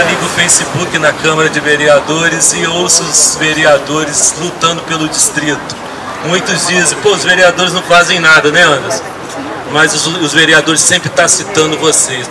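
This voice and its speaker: A man in his thirties, a city councillor, giving a rousing speech to a crowd with a handheld mic in an outdoor square. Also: on the high side. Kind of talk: public speech at a rally. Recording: distant mic, loud street noise outdoors.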